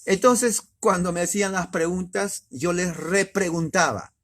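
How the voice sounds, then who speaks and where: Husky-voiced emphatic male preacher. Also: steady tone, a little slow. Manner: emphatic, rhetorical questions, sharp swings of pitch and loudness. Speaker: preacher teaching doctrine. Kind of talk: conversational sermon.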